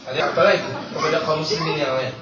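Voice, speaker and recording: High-voiced man preaching in a roomy hall. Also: fairly even intonation, very fast, a crowd in the background, background noise. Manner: reads Arabic text then explains it in casual speech; repeats key phrases for emphasis. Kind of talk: religious lecture. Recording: roomy, distant, dull lo-fi sound.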